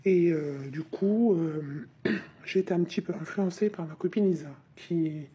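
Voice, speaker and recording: A woman's voice: on the low side, unhurried, dark tone, breathy edge. A woman's synthetic text-to-speech voice, chatting informally and in a rambling way through a casual unboxing vlog. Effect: synthetic voice replacing the speaker's own. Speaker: craft vlogger.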